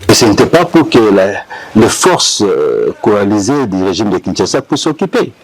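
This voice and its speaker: Male spokesperson, lower register, halting interview delivery with frequent fillers. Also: big pitch swings, slightly rough, poor audio. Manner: halting, many hesitations. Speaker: rebel group spokesperson. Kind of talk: press interview answers.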